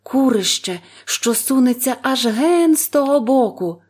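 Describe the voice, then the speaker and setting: A woman voicing a calm gentle young sister. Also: high-pitched, unhurried, slightly rough, pitched above the performer's own voice, exaggerated voice.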